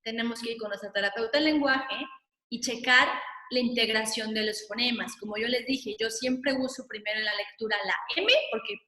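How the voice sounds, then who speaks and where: A woman speech therapist, patiently explaining in a webinar and sounding out syllables slowly. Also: fairly high pitch, sharp tone. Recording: echoey room, long reverb.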